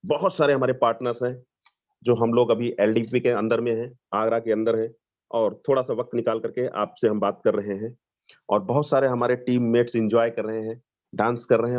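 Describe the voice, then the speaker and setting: A man from Lucknow, giving an enthusiastic sales pitch on a video call and mixing in English phrases. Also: darkish tone. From Lucknow, Uttar Pradesh, India. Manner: enthusiastic, persuasive, mixes English phrases, repeats "dost". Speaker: webinar presenter. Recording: dull lo-fi video call audio.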